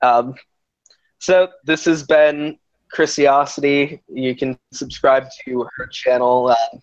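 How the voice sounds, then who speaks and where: A man hosting a casual conversation, talking haltingly with restarts. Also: medium pitch, little pitch movement, no echo, dull audio. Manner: halting, restarts, slightly tongue-tied. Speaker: host.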